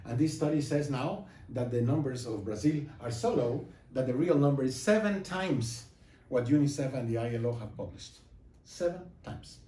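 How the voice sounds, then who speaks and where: A middle-aged man from Guatemala giving an emphatic classroom lecture with slides, pausing and repeating lines for effect. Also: medium pitch, mellow. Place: classroom with projector screen, indoors. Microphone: far camera, no mic seen. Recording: echoey classroom from far off.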